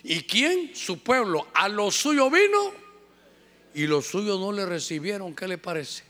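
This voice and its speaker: A male pastor preaching a sermon, animated and calling his listeners brother. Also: sits high, measured pace, long reverb tail.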